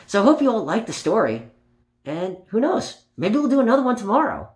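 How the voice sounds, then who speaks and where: A man reads a children's story in a playful, kid-directed style, breaking off to chat with his young audience. His voice is high with huge pitch swings and a slightly fast pace, captured in a roomy home recording with faint noise.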